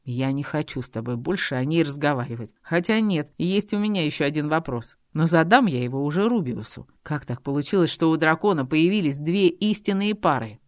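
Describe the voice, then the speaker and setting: A woman's voice: low voice, expressive, fairly quick, few pauses, no echo, clean studio sound. A woman voicing a stern young man who speaks curtly and firmly, in an audiobook reading. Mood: cold, firm. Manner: curt, firm, commanding. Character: stern, cold young man, a dragon shifter. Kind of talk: audiobook character voice.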